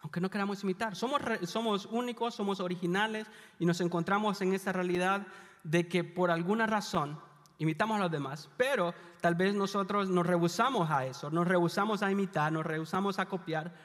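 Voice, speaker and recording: A man's voice: sits high, fairly quick, a bit bright. A man from El Salvador, preaching a sermon in a conversational, confiding way with light humor. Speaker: pastor. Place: church hall. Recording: long reverb of a large hall.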